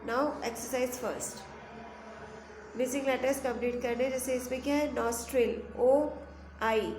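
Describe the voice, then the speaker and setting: Slow-spelling woman teacher in echoey room. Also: on the high side, steady tone, darkish tone, soft background music. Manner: spells words out letter by letter; mixes slow English rule reading with quick explanations. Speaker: school teacher. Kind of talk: grammar lesson. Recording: echoey room, faint background hum.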